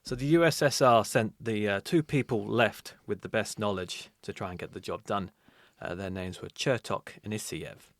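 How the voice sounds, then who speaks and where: A man co-hosting a history podcast, narrating events in a steady, measured way. His voice sits fairly low. The sound is dry and close. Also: dry recording. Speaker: podcast co-host. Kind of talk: reading history notes in casual podcast.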